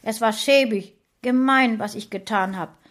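A woman's voice: mid-range voice, normal speed, lightly acted. A woman voicing a regretful husband and dog owner in a subdued, sorry tone. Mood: remorseful. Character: remorseful middle-aged husband, a dog's owner.

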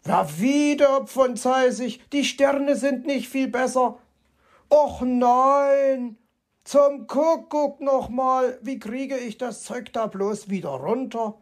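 A woman reading a children's audiobook, voicing a grumpy, vain male fox who grumbles and flares up quickly. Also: fairly high pitch, a little mellow, voice pushed up. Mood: outraged. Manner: grumbling, easily outraged.

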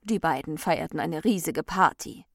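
A woman reads a fable aloud in a clear, measured storytelling voice. Her voice sits low for a woman. The recording is dry and close, with no room sound. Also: no echo. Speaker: storybook reader. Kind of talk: scripted narration.

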